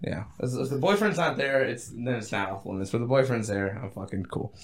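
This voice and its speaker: A young man co-hosting a podcast tells a crude story to his friends, rowdy and boastful, swearing often and laughing as he goes. His voice is medium in pitch with lively intonation, and he speaks fairly quickly in this casual banter.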